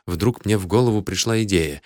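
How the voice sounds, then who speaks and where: Male narrator, first-person audiobook, low voice, dry close sound. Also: a little fast, no echo. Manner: vivid, shouts the hero's angry lines.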